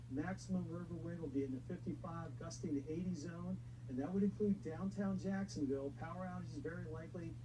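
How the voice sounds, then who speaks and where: A man delivers a live weather forecast in a grave, emphatic but conversational manner. He sounds like a television played at a distance from the microphone, with a noticeable hum over the sound. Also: sits high.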